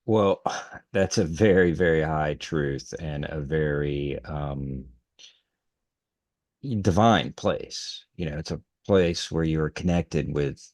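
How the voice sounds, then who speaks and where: A woman interviewer in a conversational interview, supportive and quick to agree. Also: a bass voice, a little mellow, dry recording.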